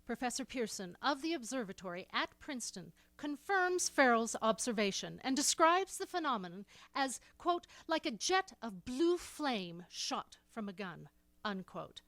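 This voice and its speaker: Formal radio announcer, higher voice, dry sound. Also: female voice, very animated, normal speed, a bit bright, dry recording. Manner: formal, crisp bulletin delivery. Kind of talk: 1930s radio drama acting.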